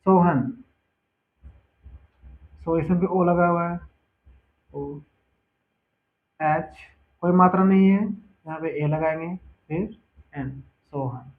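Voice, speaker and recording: A man teaching a spelling lesson, patiently repeating each word slowly for his students. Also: fairly high pitch. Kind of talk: spelling lesson over a board. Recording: tinny phone-like audio.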